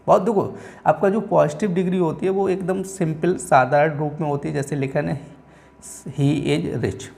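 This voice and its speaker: A man teaching English grammar in a Hindi-language class, with an Indian accent, who keeps repeating "theek hai" and slows down to read example sentences word by word. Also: fairly high pitch, fairly even intonation, gravelly, darkish tone. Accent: Indian English, Hindi-speaking. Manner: repeats "theek hai" and "aap log dhyan rakhen" often.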